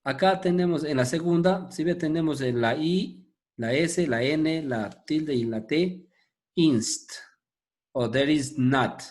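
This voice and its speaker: Patient male teacher, unhurried delivery, walks students through grammar step by step. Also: a little high, a little mellow. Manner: slow and patient, checks in with "¿sí?". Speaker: English teacher. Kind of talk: explaining grammar to a class.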